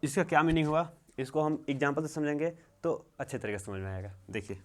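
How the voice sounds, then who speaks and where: A young man teaching English grammar in a slow, repetitive way, checking in often. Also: on the high side, lively intonation. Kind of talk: classroom-style grammar lesson.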